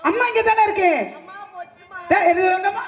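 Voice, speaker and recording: A man playing a bossy village woman who heads the household, scolding loudly with rapid-fire questions on a live comedy stage. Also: extremely high pitch. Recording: echoey stage with background music.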